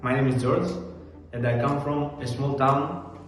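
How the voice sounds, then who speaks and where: A man's voice: mid-range voice, unhurried. Young man from Crete, Greek accent, formal recited lines, far off in an echoey hall. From Crete, Greece. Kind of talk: prepared statement. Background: faint background music.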